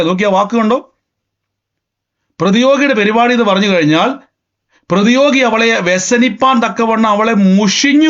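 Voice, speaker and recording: A man's voice: high voice, fairly bright tone. A man preaching a sermon emphatically, repeating phrases and acting out scenes. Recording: dull lo-fi sound.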